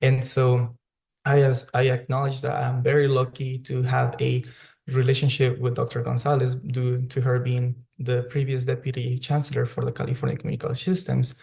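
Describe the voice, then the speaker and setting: A young student leader who grew up in Mexico gives earnest, personal testimony over a remote call during a news briefing. His medium-pitched voice is gravelly and darkish, with a completely flat delivery at a moderate pace and occasional restarts.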